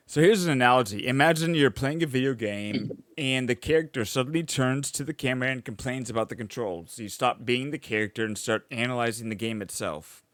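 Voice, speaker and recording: A man's voice: mid-range voice, fairly quick, hardly any pauses, a bit bright, dry recording. Male co-host, casual and playful, close dry mic, explains things with loose analogies. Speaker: podcast co-host. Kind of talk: casual chat.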